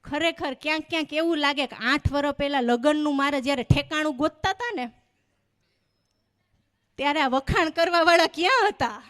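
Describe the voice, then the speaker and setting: A high-pitched woman performs stand-up comedy on a stage. She tells animated stories and acts out the voices of the people in them. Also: moderate pace. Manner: animated storyteller acting out dialogue. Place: stage before a live audience.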